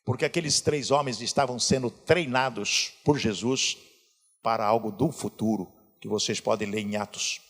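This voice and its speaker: A man's voice: mid-range voice, fairly even intonation, normal speed, fairly bright tone. A male pastor preaching a sermon, asking the congregation questions as he goes. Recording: hall reverb.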